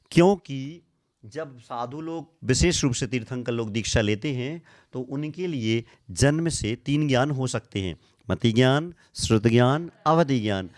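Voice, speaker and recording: A man leads a scripture class, mid-pitched and recorded dry and close. He repeats each list slowly, quizzes his listeners and gets them to recite with him. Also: dry recording. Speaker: Jain monk teaching scripture.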